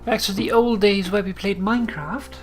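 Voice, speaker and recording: A woman hosting a gaming stream, chatting casually in a sleepy, relaxed way with soft laughs. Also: medium pitch, moderate pace, slightly rough, soft background music. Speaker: streamer host. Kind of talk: casual chat while gaming.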